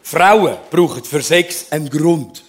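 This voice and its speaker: A man's voice: fairly high pitch, slow pace. A man with a Swiss German accent doing a stand-up comedy monologue, a comic storyteller who talks about himself in the third person.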